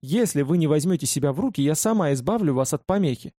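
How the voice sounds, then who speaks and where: A feisty young woman army doctor from an audiobook war story, scolding her commander sharply and indignantly, as a male narrator puts her on. Her voice sits well above his own, with a dark, mellow tone and a dry, close sound. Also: on the high side, lively intonation, fast talker, no echo.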